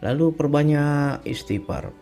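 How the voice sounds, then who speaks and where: A married man giving a reflective religious testimony, speaking slowly and often repeating phrases and asking "right?" as he tells of his illness and recovery. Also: fairly high pitch, dark tone, soft background music. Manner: reflective, repetitive, often ends with "ya kan". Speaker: speaker sharing a personal testimony.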